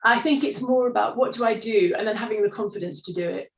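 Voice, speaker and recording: Speaking quickly with vocal fry in a slightly high voice, this sixty-something unretirement expert chats encouragingly as an interview guest. She leans on "sort of" and "you know", and the recording is distant, roomy and dull.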